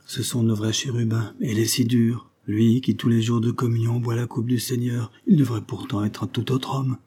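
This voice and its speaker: A man voicing a kindly woman housekeeper who speaks warmly and anxiously. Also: medium pitch, flat delivery, moderate pace, breathy edge, natural voice. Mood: fretful. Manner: warm, anxious.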